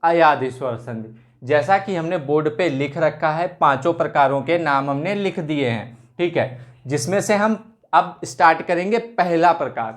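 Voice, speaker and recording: Guy teaching grammar at the board, voice sits a bit high, keeps asking and answering his own questions. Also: lively intonation, moderate pace. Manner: repeats rhetorical questions and answers them; draws out vowels in example words. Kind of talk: whiteboard grammar lesson.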